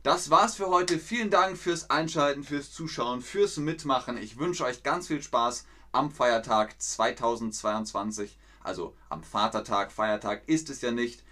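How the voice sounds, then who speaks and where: Lively, encouraging male quiz host. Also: mid-range voice, unhurried, hardly any pauses. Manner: lively and encouraging, reading chat aloud, laughs often. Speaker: German teacher hosting a live class. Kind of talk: livestream quiz lesson.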